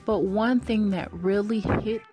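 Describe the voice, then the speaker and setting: A woman's voice: medium pitch, a little slow, warm tone, faint music behind. A woman in her forties giving an earnest faith-based motivational talk, preacherly and repeating phrases for emphasis. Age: 40s.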